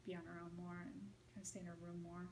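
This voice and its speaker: A woman's voice: fairly low pitch, monotone, rapid-fire. Rambling woman interviewee in a roomy space. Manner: rambling, frequent "like" and "you know". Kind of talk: casual recounting in an interview. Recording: roomy with faint noise.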